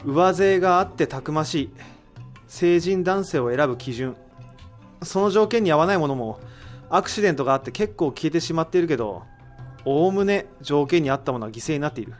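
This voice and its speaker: Fairly high-pitched, expressive and fairly quick, his voice sounds close to everyday speech, with faint music behind. He's a voice actor in an amateur audio drama, playing a figure who assuredly reasons out a mystery and explains it with rhetorical questions.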